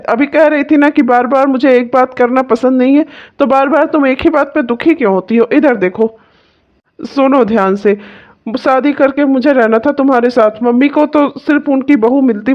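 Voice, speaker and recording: A performer doing a soothing cartoon husband, high and dull. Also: lightly acted. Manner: gentle, coaxing, reassuring. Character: kind, soothing young husband. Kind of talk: cartoon voice acting.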